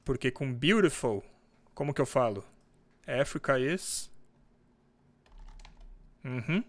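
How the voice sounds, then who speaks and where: A man from Brazil teaching an online English class in Portuguese, slowly drawing out each English example word, heard over a computer mic on a video call. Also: mid-range voice, lively intonation. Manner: slow and patient, drawing out English example words.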